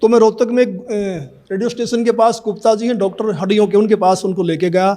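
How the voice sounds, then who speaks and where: High-voiced man in his fifties. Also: steady tone, fast, mellow. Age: 50s. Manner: earnest storytelling, acts out remembered dialogue. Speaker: devotee giving testimony. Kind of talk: personal testimony in an interview.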